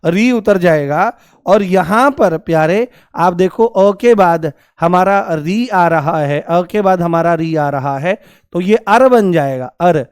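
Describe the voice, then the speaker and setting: A young man leads a grammar lesson in a high, clear voice, firing rhetorical questions at his class and stretching each answer out in a sing-song way. The sound is dry and close. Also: expressive, no room sound. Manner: repeats key answers in a drawn-out, sing-song way. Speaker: Hindi grammar teacher. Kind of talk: classroom lecture.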